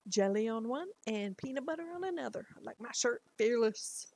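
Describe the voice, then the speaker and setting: A woman's voice: a little high, animated, moderate pace, darkish tone, low-quality recording. A middle-aged woman chatting casually to camera at home, rambling and laughing often. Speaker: lifestyle vlogger. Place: at home, indoors.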